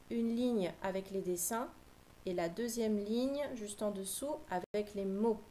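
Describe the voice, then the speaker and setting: A woman teacher giving a slow, patient phonics lesson for young children, spelling out sounds clearly. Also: a little high, mellow, poor audio.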